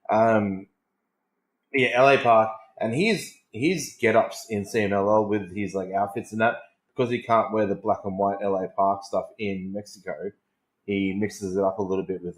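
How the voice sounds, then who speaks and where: Echoey, low-voiced man chatting about wrestling. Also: fairly even intonation, normal speed. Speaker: wrestling podcast host. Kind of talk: casual wrestling chat. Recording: roomy, echoing voice recording.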